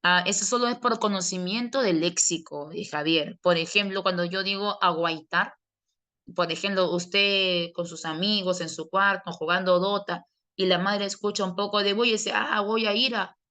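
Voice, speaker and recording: A woman's voice: fairly low pitch, steady tone, moderate pace, bright, forceful tone. A woman teaching a grammar class. She explains patiently and answers questions she poses in her students' voices. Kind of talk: online class lecture.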